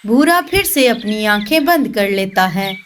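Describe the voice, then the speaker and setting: A woman's voice: mid-range voice, lively intonation, unhurried, background noise. A woman narrator reading a scripted cartoon story. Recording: constant birdsong and clicks behind voice. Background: birdsong.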